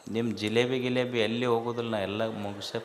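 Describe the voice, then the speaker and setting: Speaking a little fast in a level, medium-pitched voice, a man with a North Karnataka Kannada accent gives a spiritual talk to a festival gathering. He repeats lines and poses rhetorical questions with mounting emphasis, firmly yet jokingly shushing the crowd. There is slight background noise.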